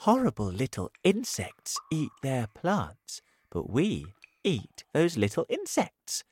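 A man voicing a kind, gentle giant female ladybird in a storybook reading, speaking softly and high. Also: huge pitch swings, takes it slowly, breathy edge, dry recording, exaggerated voice.

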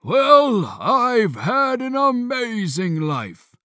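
Woman voicing a very old man, booming and slow, lonely and gentle, dry close sound. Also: sing-song, dry recording, heavily acted. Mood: wistful. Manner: speaks extremely loudly and slowly. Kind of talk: audiobook reading.

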